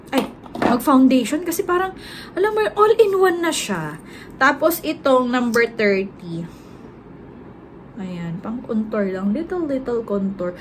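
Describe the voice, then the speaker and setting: A woman's voice: a little high, background noise. A young woman with a Filipino accent, chatting casually and animatedly through a makeup tutorial, mixing Tagalog and English. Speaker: beauty vlogger.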